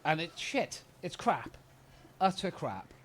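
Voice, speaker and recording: A man's voice: on the high side, big pitch swings, slow, a bit bright, slight background noise. A British man streaming a video game, ranting in an exasperated, profane way. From United Kingdom. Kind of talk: casual live-stream commentary.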